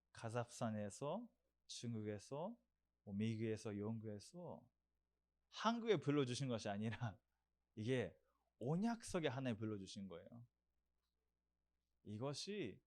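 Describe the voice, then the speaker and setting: A young man preaches a sermon with an earnest, repetitive delivery. His voice sits at an ordinary pitch for a man, and now and then he has the congregation repeat declarations after him. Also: expressive, unhurried, long pauses, a little mellow.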